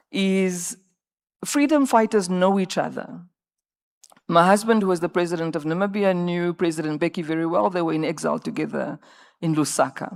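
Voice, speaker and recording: A woman in her fifties speaking on a conference panel, emphatic and rallying, sometimes repeating words as she searches for the next one. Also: lowish voice. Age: 50s. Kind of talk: panel discussion remarks. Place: conference stage.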